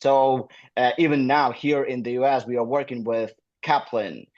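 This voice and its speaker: On a dull call, an admissions manager with a Ukrainian accent gives casual interview answers at a moderate pace. His mid-range voice is fairly even in intonation with a darkish tone, and he uses non-native phrasing with frequent fillers.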